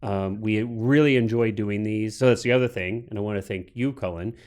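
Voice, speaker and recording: A man's voice: lowish voice, fairly quick, darkish tone. A man in his late forties co-hosting a film podcast, chatting casually and animatedly with many restarts. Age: 40s. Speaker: podcast co-host. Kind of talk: casual chat.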